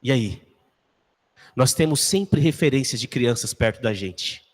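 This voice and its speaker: A man's voice: mid-range voice, animated, a little slow, in a large hall. A man in his thirties, a pastor preaching a conversational sermon full of rhetorical questions. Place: church.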